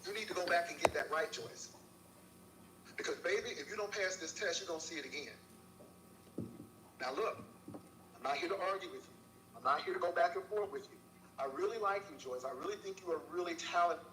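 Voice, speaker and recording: A man's voice: a little high, fairly quick, pauses often. A man delivering a heated, preachy monologue to a rival, scolding her and repeating her name. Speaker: YouTuber in a clip. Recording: echoey room, far from the mic, faint hiss.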